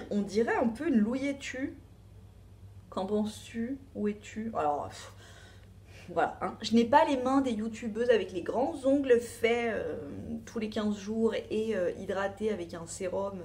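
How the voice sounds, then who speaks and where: A woman's voice: medium pitch, a little mellow. A woman with a French accent reviewing a beauty box in a casual, rambling chat full of asides and fillers.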